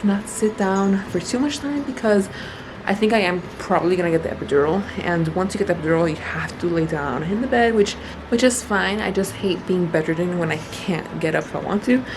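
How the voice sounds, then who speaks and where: A woman's voice: fairly low pitch, animated, a little fast. A young woman vlogs from a hospital bed, holding her phone close and chatting in a casual, upbeat way. She sounds tired from labor but stays light and self-deprecating. A faint hum of the hospital room sits under her voice. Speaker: vlogger. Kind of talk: casual vlog narration.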